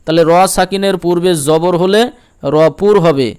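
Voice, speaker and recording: A man teaches Quran reading in a patient, repetitive lesson, going over each rule again and checking that his listeners follow. His voice sits a little high and comes through smooth and resonant. He sounds out the letters slowly as he demonstrates them. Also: a little mellow. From India. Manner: repeats rules, asks "ঠিক আছে?" and demonstrates sounds. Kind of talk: step-by-step recitation lesson.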